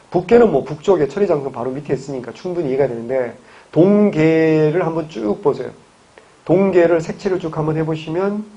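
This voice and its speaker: A man's voice: on the high side, mellow, breathy edge, muffled recording. A man from Gyeongsang province teaching history for an exam-prep course, firing questions at the class and answering them himself. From Gyeongsang province, Korea. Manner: quizzing, answers his own questions. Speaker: history lecturer.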